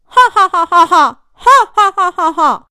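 A woman voicing a boastful big bull who mocks the others with slow, booming laughter, in a children's storybook. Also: lively intonation, fairly bright tone, dry recording, clean studio sound, exaggerated voice. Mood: mocking, boastful.

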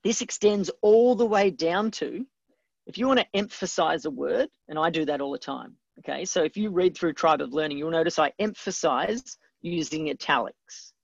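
A man hosts a live teaching webcast, talking emphatically and answering viewers as he goes. His voice has a gravelly edge. The sound is dry and a little dull, with no room around it. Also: fairly high pitch, normal speed, dry recording. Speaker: webcast host and book coach.

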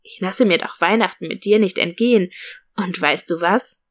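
A loving, cheerful mother in a storybook, speaking fondly and brightly to her child, as a woman reads her part. She sounds affectionate and upbeat. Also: fairly low pitch, normal speed, natural voice.

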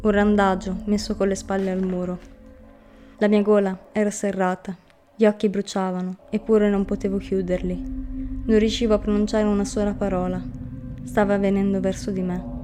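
Flat-voiced woman reading a grim tale. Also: medium pitch, moderate pace. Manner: flat, grim first-person narration. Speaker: storyteller. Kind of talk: dramatic story reading. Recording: music bed under the reading. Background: music underneath.

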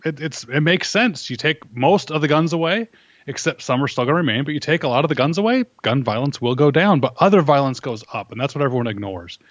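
Appearing as an interview guest, a firearms instructor and writer explains his opinions in a measured, conversational way, testing his points with rhetorical questions. His voice is a little high and animated. The recording is close, dry and without room sound, though slightly dull and lo-fi.

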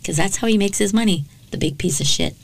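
A woman's voice: medium pitch, fast, creaky, rough recording. A woman hosting a true crime podcast, telling a case dramatically and breaking off for blunt, sarcastic comments. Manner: dramatic narration broken by sarcastic, blunt asides.

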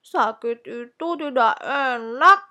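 Storybook: woman voicing a bouncy little princess girl, high, lively and sing-song, drawn out slowly. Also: dull audio. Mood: whiny. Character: excited little girl princess, eager and whiny.

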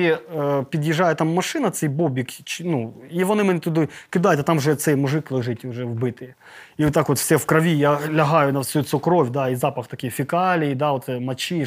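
A man telling a story to a podcast host in a casual, slangy way, acting out sounds and swearing now and then. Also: fairly high pitch. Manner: vivid, slangy retelling with sound effects and swearing. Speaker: podcast guest.

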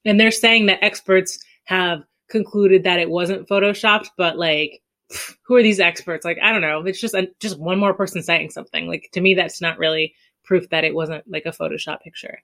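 A woman's voice: fairly low pitch, fairly even intonation, normal speed, a bit bright. A woman debating casually on a podcast in an informal, skeptical way.

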